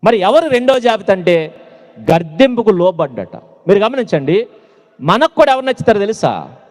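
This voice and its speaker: Brief: male preacher with a Telugu accent, animated swooping delivery, full of rhetorical questions and teasing asides, fairly high voice. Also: normal speed. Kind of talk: sermon to youth. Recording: long hall reverb.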